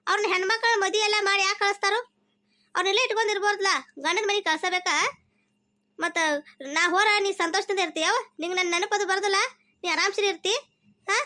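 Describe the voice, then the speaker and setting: Clingy young cartoon daughter with a North Karnataka accent, voiced by a woman, piercing high bright tone, pestering. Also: fairly even intonation, fast, pauses often. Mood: plaintive. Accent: North Karnataka Kannada. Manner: plaintive, pestering questions. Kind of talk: cartoon voice acting.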